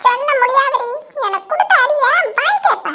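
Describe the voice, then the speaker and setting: A woman's voice: very high-pitched, very animated, brisk. Woman doing a defiant rude newcomer woman. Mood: fighting. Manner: defiant, taunting retorts. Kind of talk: cartoon dub voice acting. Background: loud background music.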